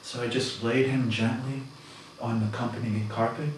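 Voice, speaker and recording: A man speaking softly and earnestly as a self-important meditation guide in a mock guided meditation. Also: medium pitch, steady tone, normal speed. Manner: soft-spoken, earnest, solemn, self-important. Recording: very echoey, distant mic, faint noise.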